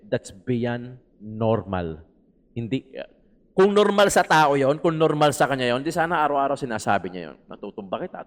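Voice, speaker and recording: A Filipino man talks through his views in a loose, rambling way, switching back and forth between Tagalog and English. His voice sits at an ordinary middle pitch, and he keeps checking in with his listeners. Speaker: political vlogger. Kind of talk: casual commentary.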